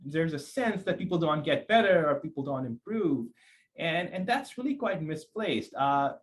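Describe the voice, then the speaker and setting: A man's voice: fairly high pitch, animated, normal speed, rough recording. A man from Pakistan, a psychiatrist guest, answering in a thoughtful, conversational way with frequent restarts and fillers. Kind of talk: conversational interview.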